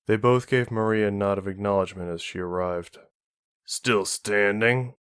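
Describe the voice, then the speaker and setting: A man narrating fan fiction in a steady, measured reading. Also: lowish voice, smooth, dry recording, clean studio sound. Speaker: audiobook reader.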